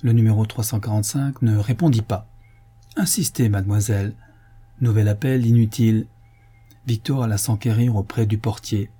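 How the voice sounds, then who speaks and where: A male audiobook narrator with a mellow, dark tone and a slightly husky edge. He reads in a measured, even storytelling manner. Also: on the low side. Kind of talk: scripted narration.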